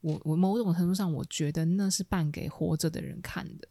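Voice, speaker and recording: Woman podcast co-host, low voice, thoughtful, dry recording. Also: fairly even intonation, fairly quick, warm tone, no echo. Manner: thoughtful, searching for words. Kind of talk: casual chat.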